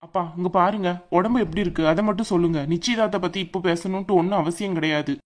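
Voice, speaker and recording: A woman's voice: on the low side, a little mellow, lightly acted. A woman voicing a caring young adult son who firmly reassures his sick father. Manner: quick, firm and reassuring.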